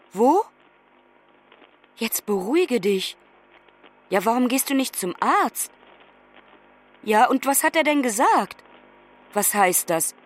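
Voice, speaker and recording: A woman's voice: high voice, exaggerated voice. An actress playing a lonely young woman who calls her mother from abroad, talking urgently and pleadingly. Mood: alarmed. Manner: urgent, pleading phone talk. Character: lonely young woman traveller, anxious and affectionate. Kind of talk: radio play acting.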